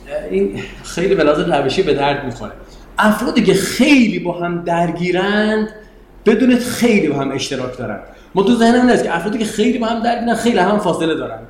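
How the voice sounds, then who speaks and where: Lecturing at a university, this middle-aged man wanders off on tangents in a chatty style and puts questions to his students. He speaks in a high-pitched voice. The classroom echoes, with faint ambience and a little hiss or hum.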